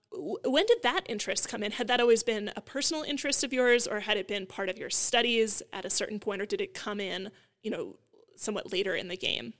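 A woman hosting an interview podcast, talking in a chatty conversational way with frequent fillers. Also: mid-range voice. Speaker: podcast host.

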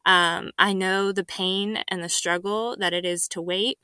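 A woman's voice: medium pitch, fairly even intonation, unhurried, clean tone, dry recording. Earnest young woman sharing her story. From Guatemala and Mexico. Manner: earnest, soft-spoken, with frequent ums and light laughs. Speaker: guest. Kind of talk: personal testimony in a podcast interview.

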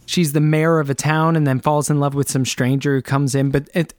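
A man co-hosting a casual chat, animated and laughing often as he retells and acts out song lyrics. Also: on the high side, fairly quick, no room sound. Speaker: podcast co-host.

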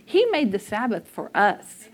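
A woman's voice: medium pitch, wildly swooping pitch, a little slow. A woman preaching a conversational sermon, telling personal stories candidly and laughing at herself. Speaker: speaker at a church service.

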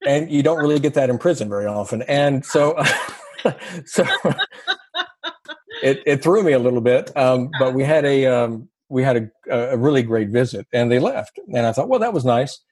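A man's voice: mid-range voice, normal speed, a little mellow, no echo. A man from the South, a guest telling his story in an interview with a wry, self-deprecating humor. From American South.

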